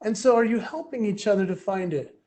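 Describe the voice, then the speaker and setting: High-voiced, energetic motivational speaker. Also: male voice, a little fast. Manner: energetic, playful, expressive. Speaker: keynote speaker. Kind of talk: motivational keynote storytelling.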